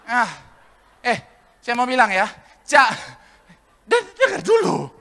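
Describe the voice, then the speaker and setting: High, bright-voiced pastor joking in a big hall. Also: male voice, huge pitch swings, slow pace. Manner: joking, acts out couples' voices, addresses congregation as saudara. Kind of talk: lively comic sermon. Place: large church hall, live service. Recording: live church recording with long hall reverb.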